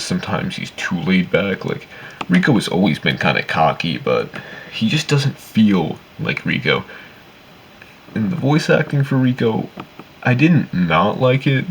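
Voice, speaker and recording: A man's voice: low voice, big pitch swings, moderate pace, slight background noise. A man giving casual, opinionated game commentary in a rambling, sweary, complaining way. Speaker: video game reviewer.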